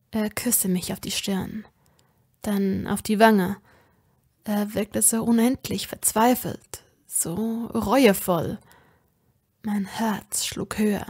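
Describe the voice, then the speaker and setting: A woman narrating a first-person fanfiction audiobook slowly and deliberately. Her delivery is dramatic, and she often sinks into a breathy whisper. Her voice sits at a middle pitch.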